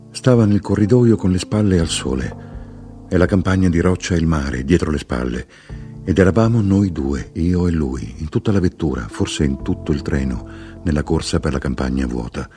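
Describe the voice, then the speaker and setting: A man reading a literary novel aloud in a measured, expressive way. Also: low voice, faint music behind. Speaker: audiobook narrator.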